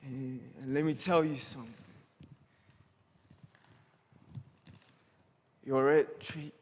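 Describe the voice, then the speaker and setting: A man's voice: mid-range voice, close to an everyday voice. A young man performing a stage monologue as a sheltered, stammering man who breaks free and turns defiant. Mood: quietly resolute. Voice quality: stammering, repeats words. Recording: reverberant hall.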